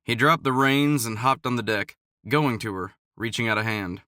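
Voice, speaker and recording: A man calmly narrating a romance audiobook in scripted narration. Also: mid-range voice, moderate pace, no room sound, studio quality.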